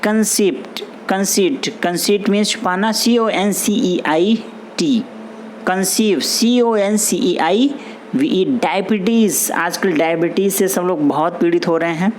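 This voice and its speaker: Slow, patient male spelling teacher. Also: high-pitched, a little hiss or hum. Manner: spells words letter by letter, explains in Hindi; reassuring, repeats key points. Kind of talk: spelling lesson for exam students.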